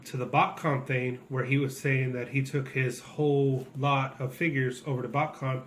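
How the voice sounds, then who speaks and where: A man's voice: medium pitch, little pitch movement, moderate pace. A man speaking as a co-host in a casual, conversational complaint, explaining his opinions. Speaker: co-host and toy collector. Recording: noticeable background noise.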